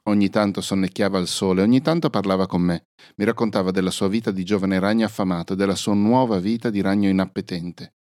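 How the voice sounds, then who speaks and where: A man narrating a fairy-tale story in a calm, even storytelling manner. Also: low-pitched, fast talker, dry recording, studio quality. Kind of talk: scripted first-person narration.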